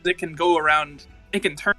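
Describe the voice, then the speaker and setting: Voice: mid-range voice, fairly even intonation, a little fast, pushed and bright, faint music behind. A player at a tabletop role-playing game who talks casually, swears freely and laughs while talking.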